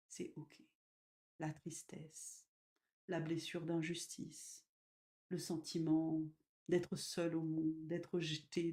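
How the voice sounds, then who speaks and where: Speaking slowly and gently, this deep-voiced woman is a medium delivering a spiritual talk live. Her volume jumps abruptly for emphasis and then falls away softly.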